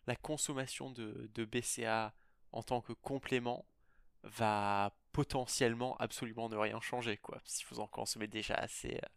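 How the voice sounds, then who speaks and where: A man's voice: medium pitch, steady tone, moderate pace, creaky, a bit bright, clear, resonant tone, dry recording, clean studio sound. A young man from Britain co-hosting a podcast, chatting in a colloquial, offhand and slightly skeptical way. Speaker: podcast co-host. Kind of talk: casual chat.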